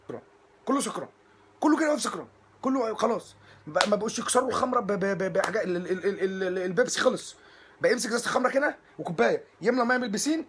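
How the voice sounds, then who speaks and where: A young Egyptian man with an Egyptian Arabic accent, performing a comic monologue with rapid, animated storytelling and acted-out exchanges. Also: sits high, background noise. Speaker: comedian.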